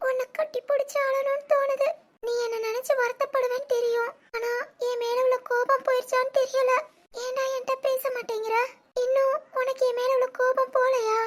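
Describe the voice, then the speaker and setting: In an animated family drama, a woman with a Tirunelveli Tamil accent voices a young wife studying at college. Her voice sits very high, and she sounds tearful, pleading and gentle.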